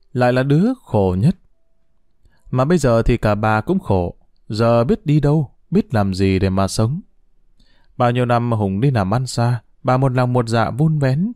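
A male narrator, telling a story in a lively, expressive voice. His pitch moves widely, and the sound is dry and close to the mic. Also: no echo.

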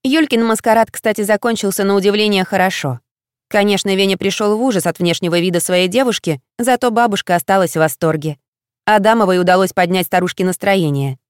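A woman reading a first-person novel aloud as an audiobook narrator in a lively storytelling manner. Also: medium pitch, brisk, clean tone, dry recording, clean studio sound.

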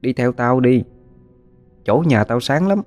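A man's voice: medium pitch, animated, measured pace, a little mellow, soft background music, pitched above the performer's own voice, lightly acted. A man voicing a small ghost boy who keeps coaxing another child to come out and play. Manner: wheedling, insistent invitations.

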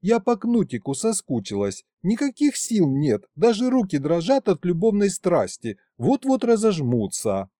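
Guy doing a breathy whispery lovesick winged lady, storybook, dry sound. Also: sits high, huge pitch swings, unhurried, few pauses, dark tone, no echo, pitched above the performer's own voice, full character voice. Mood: passionate. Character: lovesick winged woman, passionate.

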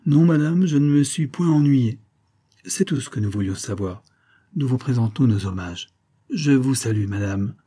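Un homme qui joue un jeune lieutenant fier et susceptible, au parler formel et raide, dans une nouvelle lue à voix haute. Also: male voice, medium pitch, expressive, normal speed, mellow, natural voice. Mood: stiff. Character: young army lieutenant, proud and touchy.

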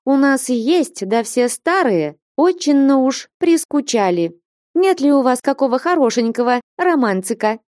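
A woman's voice: sits high, lively intonation, measured pace, a little mellow, no echo, clean studio sound, voice pushed up. A woman voicing a bold, teasing young woman novice in a storybook reading.

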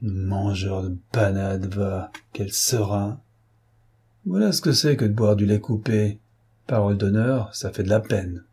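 Man doing a rough coach driver, loud swearing, rustic talk, higher pitched, husky. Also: animated, moderate pace, full character voice. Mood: mocking. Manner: cursing loudly, rustic speech.

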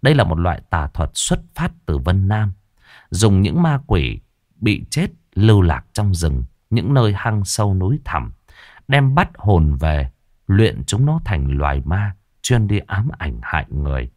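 A man narrating a horror story in a lively, vivid way. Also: measured pace, dry recording, clean studio sound. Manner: lively, vivid telling with varied pitch.

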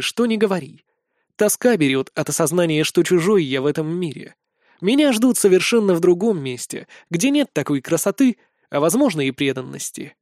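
A man reads a first-person fantasy audiobook in a high, lively voice that rises and falls expressively. He stays close to the mic, and the recording is dry with no room sound.

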